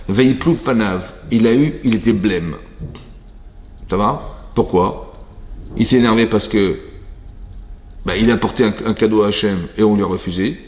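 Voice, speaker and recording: A man's voice: lowish voice, normal speed, long pauses, a little mellow, a little hiss or hum. Man teaching a Torah class in an echoing synagogue. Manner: conversational, checks listeners with "ça va?"; reads Hebrew verses then explains in French. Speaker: rabbi teaching a women's class. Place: synagogue hall. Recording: long reverb of a synagogue hall.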